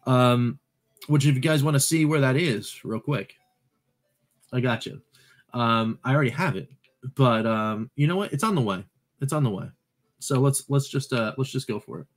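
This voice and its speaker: A man's voice: mid-range voice, moderate pace, long pauses. Rambling man narrating retro gameplay. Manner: rambling, self-correcting, playful asides. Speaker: retro game channel host. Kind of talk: casual gameplay commentary.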